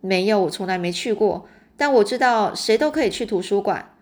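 A woman's voice: medium pitch, lively intonation, fairly quick, close to an everyday voice. A woman reading aloud and voicing a kindly, teasing old grandfather in a storybook.

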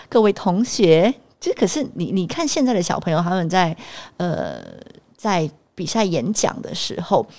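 A woman tells a story to camera in a relaxed vlog monologue. Her voice sits on the low side and carries a gravelly, creaky edge. She talks in a chatty, meandering way, pausing on fillers and restarting her sentences. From Taiwan. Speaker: vlogger and mother.

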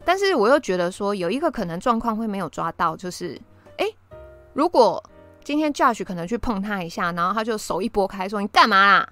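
A woman's voice: medium pitch, a little fast, faint music behind. A woman in her thirties, a parent, telling a story casually and acting out the lines she quotes. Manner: animated, acts out quoted lines.

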